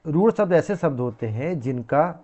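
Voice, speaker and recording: A man's voice: a little high, animated, moderate pace, mellow. Man teaching, dull lo-fi sound. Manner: repeats key words, quizzing the class with questions. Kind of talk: classroom lecture.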